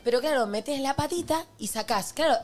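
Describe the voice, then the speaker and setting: A woman's voice: high-pitched, fairly quick. A woman with an Argentine accent, a radio co-host chatting casually and recounting her day in detail. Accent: Argentine Spanish. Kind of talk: casual chat.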